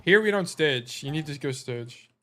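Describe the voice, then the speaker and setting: On the high side and expressive, this man's fairly bright voice moves at a moderate pace, with a slight hiss or hum in the background. He's a game coach running a stream, going over gameplay in a loose, rambling, filler-laden way while losing his voice.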